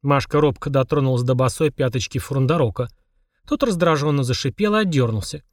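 A man narrating an audiobook in an even storytelling manner. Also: medium pitch, a little fast, dry recording, clean studio sound.

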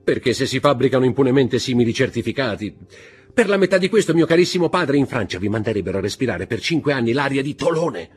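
A man's voice: mid-range voice, lively intonation, quick pace, breathy edge, faint music behind, pitched above the performer's own voice. A man voicing a scheming young man who poses as a noble son, sly and ingratiating.

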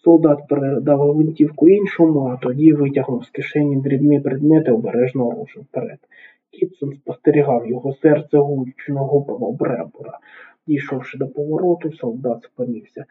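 A man narrating an audiobook in a steady, even reading voice. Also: mid-range voice, a little fast, slightly rough. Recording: narrow phone-like sound.

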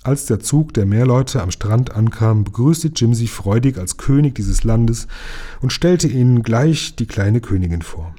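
A man reads a children's story aloud in a calm, even way. His voice is dark and mellow, with a husky grain. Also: mid-range voice, a little slow. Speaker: reader. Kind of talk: reading a children's book aloud.

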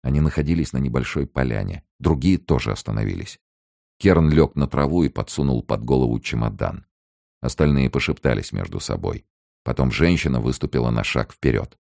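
A man reading a novel aloud as an audiobook narrator, in a steady, measured storytelling manner. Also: rumbling low, gravelly, dry recording, studio quality. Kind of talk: scripted narration.

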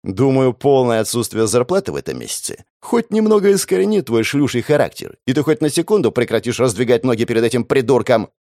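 A man's voice: mid-range voice, sing-song, fast, hardly any pauses, warm tone, dry recording, clean studio sound. A man voicing a cruel, sneering male office boss who spits abuse and later breaks into sobbing shrieks. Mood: bullying. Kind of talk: audiobook character voice.

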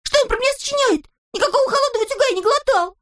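A hasty little storybook fellow with a very high, shrill voice that rattles out his words at a rush, acted by a woman. He sounds indignant and excitable. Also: very fast. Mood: outraged.

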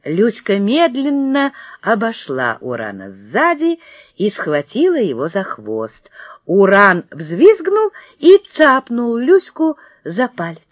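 A woman reading a children's storybook aloud in a lively, expressive way. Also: medium pitch, no room sound, dull audio. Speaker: audiobook reader. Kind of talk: storybook narration.

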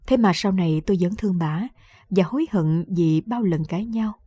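Warm woman storyteller. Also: on the low side, moderate pace, breathy edge, no echo. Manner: lively storytelling, wry and conversational. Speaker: radio story reader. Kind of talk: scripted first-person story narration.

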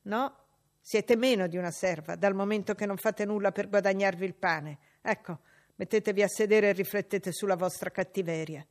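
A woman reading an audiobook voices an indignant maidservant, scolding loudly. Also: medium pitch, moderate pace, natural voice. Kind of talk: audiobook character voice.

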